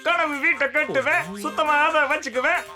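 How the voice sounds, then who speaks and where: A man's voice: very high-pitched, moderate pace. An actor voicing Jingu, a greedy boastful male thief in a dubbed cartoon, sing-song and whiny. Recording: music bed under voice.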